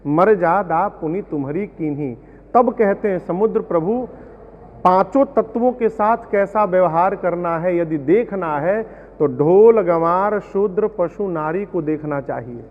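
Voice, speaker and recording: Male devotional storyteller with a high voice, explains verses through parables, heard as tinny audio from a reverberant hall. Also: measured pace. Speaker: Ramayana storyteller. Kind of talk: devotional discourse with sung verses.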